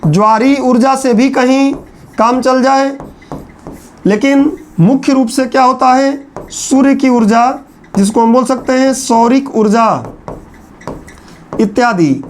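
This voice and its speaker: Male teacher, very high voice, lecturing at a whiteboard, repeats key phrases for note-taking. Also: a little hiss or hum. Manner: repeats phrases slowly for students to write down.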